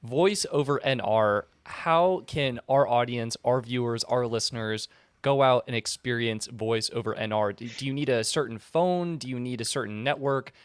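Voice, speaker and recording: A man hosting a podcast asks his guest direct, upbeat questions. His mid-pitched voice is smooth and close, in a dry space. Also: moderate pace, no room sound. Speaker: podcast host.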